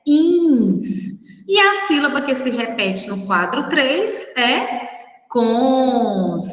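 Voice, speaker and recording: A primary school teacher with a Brazilian Portuguese accent gives a recorded remote lesson to young children, slowly dictating words syllable by syllable and calling the pupils children and darlings with patient affection. Her voice is high-pitched and sharp. The rough recording is distant and roomy, with a long reverb tail.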